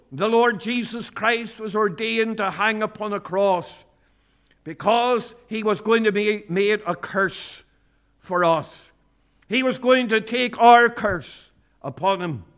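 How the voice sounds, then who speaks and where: Pastor guy preaching slow and earnest, fairly high bright voice, leans hard into key words. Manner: slow, earnest preaching with rising emphatic phrases; quotes King James scripture aloud. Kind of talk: sermon.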